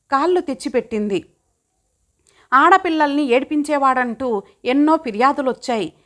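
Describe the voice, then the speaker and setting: Female audiobook narrator, high voice, steady dramatic read. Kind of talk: first-person story narration.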